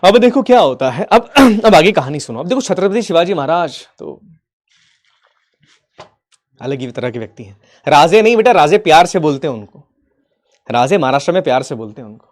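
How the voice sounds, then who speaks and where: Guy teacher, kinda high voice, telling history like a story, keeps asking kids if they got it. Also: very animated. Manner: keeps checking if students follow, affectionate, addresses them as kids; acts out historical figures' lines in quick asides.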